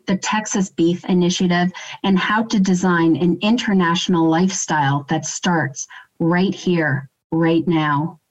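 A woman from Canada, a guest on a casual podcast, reading a short upbeat intro. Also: on the low side. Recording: dull lo-fi sound.

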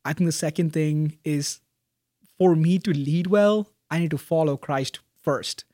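This young adult man, a graduating student whose first language is Malayalam, answers interview questions thoughtfully and softly, with frequent fillers and restarts. His pitch is fairly high and his pace measured. The audio is studio quality with no room sound.

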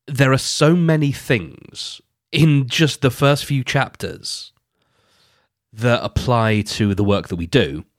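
A man hosts and produces his own podcast, speaking slowly in a mid-range voice that sounds congested and nasal from a cold. His casual solo talk is chatty and a bit rambling, and he corrects himself along the way. The recording is clean studio sound with no room tone.

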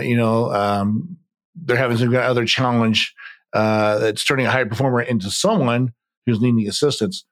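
A man hosting a business podcast, asking long, friendly questions with fillers. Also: mid-range voice. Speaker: podcast host. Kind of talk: conversational podcast interview.

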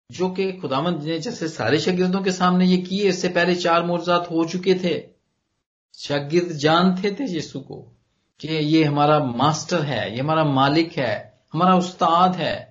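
A man preaching a sermon with earnest conviction, his voice rising and falling between loud and hushed as he calls his listeners dear ones. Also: on the high side, highs cut off. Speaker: pastor.

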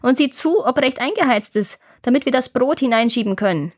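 A woman's voice: high voice, animated, a little fast, pitched above the performer's own voice. A woman voicing a wicked old witch. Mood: harsh commanding. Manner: gruff, scolding, bossy. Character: wicked old child-eating witch, cunning and harsh. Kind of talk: storybook reading.

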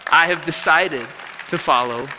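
A man in his thirties preaching a sermon as pastor, passionate, dropping to a hush and then rising loud. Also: fairly high pitch, a little slow, a faint crowd, a little hiss or hum. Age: 30s. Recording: reverberant hall.

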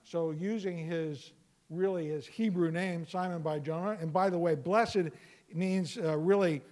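A man teaching verse by verse through a Bible passage. He explains step by step, repeats key phrases, and sometimes bursts into loud exclamations. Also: fairly high pitch, steady tone, measured pace.

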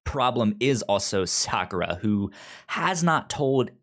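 A young man co-hosts a podcast in a casual review chat, speaking at a slow pace in a medium-pitched voice with big pitch swings. He has a heavy stutter, often repeating and restarting the beginnings of words.

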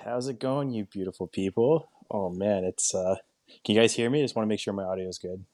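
A man's voice: lowish voice, fairly quick, darkish tone, no echo, clean studio sound. A man chatting casually and joking crudely, speaking on a phone from a basement at home. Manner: jokey, crude humour. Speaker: guest on a sports talk show.

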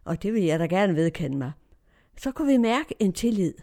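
Woman telling a lively personal story. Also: mid-range voice. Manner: lively anecdotal telling, quoting others in dialogue. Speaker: churchgoer recounting neighbourhood life.

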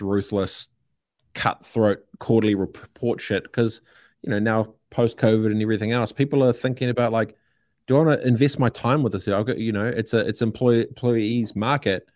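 Here a middle-aged New Zealander, guesting on a podcast, holds forth casually and emphatically, peppering his opinions with slang and swearing. The voice is lowish and a little mellow, recorded cleanly in a studio without any room sound.

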